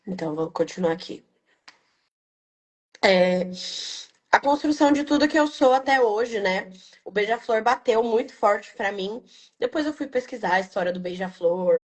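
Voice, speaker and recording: A young adult woman, a business owner, talking in a casual, reflective and emotional way, tagging her phrases with quick questions. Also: medium pitch. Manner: reflective, emotional, frequent "né" tags. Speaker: business owner interviewed about her brand. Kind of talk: casual heartfelt testimonial.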